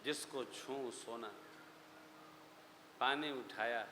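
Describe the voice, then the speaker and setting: A man giving a dramatic scripture discourse, dropping his voice low, then rising loud. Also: drawn-out words, noisy background. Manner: dramatic storytelling, swings from hushed to loud. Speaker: religious storyteller. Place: large hall. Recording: echoey hall with music behind.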